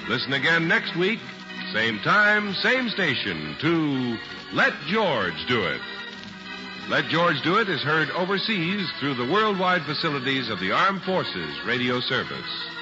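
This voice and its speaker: A man's voice: on the high side, very animated, a little slow. An American man reading scripted announcements in vintage mid-century radio style. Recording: muffled vintage radio recording with music.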